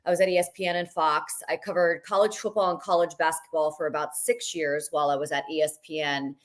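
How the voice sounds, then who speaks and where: Woman, sports broadcaster, lowish voice, friendly, conversational. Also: fairly even intonation, fast talker. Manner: friendly, conversational, laughs easily. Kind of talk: casual podcast interview.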